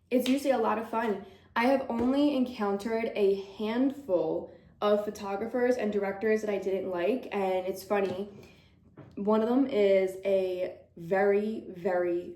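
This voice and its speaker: A woman's voice: mid-range voice, warm tone. A young woman in her twenties, a model answering viewer questions in a bubbly, chatty way, laughing often and a little out of breath. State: slightly out of breath. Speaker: model and vlogger. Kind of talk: casual Q&A chat to camera. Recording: roomy echo.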